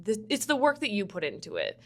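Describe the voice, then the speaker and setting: A young adult woman from Vancouver, Canada, a musical theatre student, chats casually as a podcast guest in a mid-range voice with huge pitch swings and a fast pace. She laughs often and fills her talk with "like" in this interview conversation.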